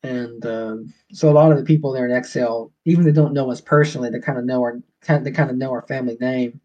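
Speaking quickly with a warm tone and fairly even intonation, this medium-pitched Georgia man has a Southern US accent. He's a podcast guest swapping stories in a relaxed chat, heard over dull, lo-fi call audio.

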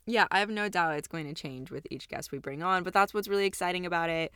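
A woman's voice: fairly low pitch, quick pace, fairly bright tone, clean tone, dry recording. Woman podcast co-host, dry inside a closet. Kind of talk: casual, bantering chat. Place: walk-in closet in a small apartment.

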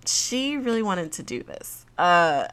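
A woman's voice: lowish voice, big pitch swings, takes it slowly, a bit bright, clean tone. A woman in her late twenties, congested, chatting casually to her viewers with frequent laughs and fillers. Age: 20s. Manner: chatty and giggly, lots of fillers. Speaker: vlogger. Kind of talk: casual chat to camera.

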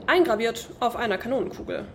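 A woman plays a refined adventuring lady in an audio drama. The voice is on the high side, formal and composed, with courteous phrasing and slight noise in the recording. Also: sing-song, quick pace. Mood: composed, explaining. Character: composed, well-spoken noble lady treasure seeker.

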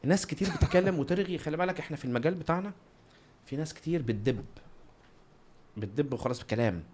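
Very fast-talking Egyptian man telling stories. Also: fairly high pitch, expressive, darkish tone. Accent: Egyptian Arabic. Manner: acts out dialogue and sound effects. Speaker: footballer guest, goalkeeper. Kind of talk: animated anecdotal interview talk.

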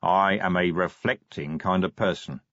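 A man doing a slow, deep, enigmatic sage. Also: a bit bright, no room sound. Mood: calm. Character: calm mysterious male sage, slow and knowing. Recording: dry, slightly dull audiobook sound.

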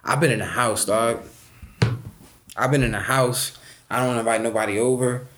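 A man's voice: mid-range voice, fairly even intonation, normal speed, noisy background. A man co-hosting a podcast in laid-back casual chat, swearing and laughing often. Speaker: podcast co-host.

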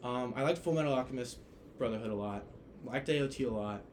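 A man's voice: medium pitch, fast, slight background noise. A man who is a podcast guest, chatting casually and telling stories with lots of swearing. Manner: animated storyteller, swears freely. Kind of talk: casual chat.

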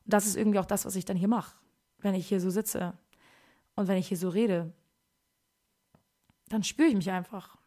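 A young woman in her twenties hosts a casual solo podcast from her kitchen on a podcast microphone. Her mid-range voice is warm with fairly even intonation at normal speed with long pauses, and she rambles in slangy speech, dropping "Digga" constantly.

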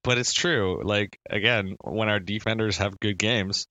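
A man's voice: on the low side, fairly even intonation, unhurried, sharp tone, no room sound. A Canadian man co-hosting a casual sports podcast, laughing often and restarting his sentences. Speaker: podcast co-host. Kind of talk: casual fan chat.

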